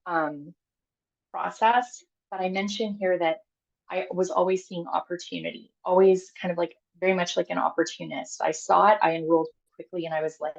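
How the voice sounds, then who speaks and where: A Canadian woman in her thirties, a guest speaker on a video call, tells her own story candidly and chattily, with plenty of fillers and restarts. Her low voice has a gravelly fry and a steady tone at normal speed. The audio sounds dull and lo-fi.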